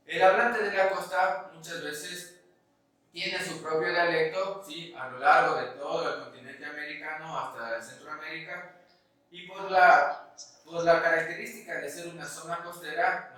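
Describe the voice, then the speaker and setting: A man from the Ecuadorian highlands with a highland accent, teaching a class and checking understanding with frequent "¿sí?". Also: pushed and bright. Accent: Ecuadorian highland Spanish. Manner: explains step by step, often checking with "¿sí?". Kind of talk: recorded class lecture. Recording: echoey room, voice from a distance.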